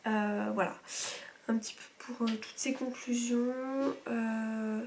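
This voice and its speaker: A tired young woman in her twenties rambles through a casual vlog, her slightly high voice full of fillers and restarts. Faint noise sits behind her. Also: little pitch movement, takes it slowly, darkish tone. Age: 20s. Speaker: vlogger.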